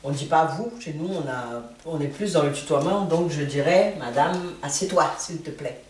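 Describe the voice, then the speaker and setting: Word by word, a patient Atchan teacher from Ivory Coast leads a slow spoken language lesson in a mid-range voice at normal speed. The mic is distant, so the sound is roomy with a faint ambience.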